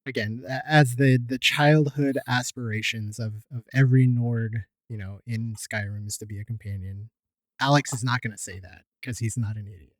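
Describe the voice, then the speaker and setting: A man's voice: mid-range voice, fairly even intonation, normal speed, dry recording. A man playing a tabletop game, chatting and joking casually. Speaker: player.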